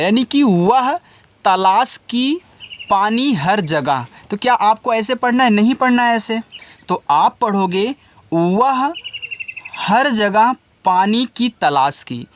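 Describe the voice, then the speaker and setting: This man's voice sits high, with lively intonation and a slow pace, plus a little hiss or hum in the background. He's teaching spoken English casually, patiently going over each step again and frequently asking his listeners questions.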